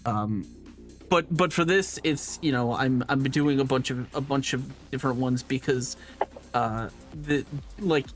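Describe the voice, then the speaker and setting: A male illustrator from New York talks casually on his art stream. He rambles and works his thoughts out as he goes, at an ordinary mid pitch. Faint music plays behind. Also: unhurried. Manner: rambling, thinking aloud. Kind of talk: casual chat on a live stream.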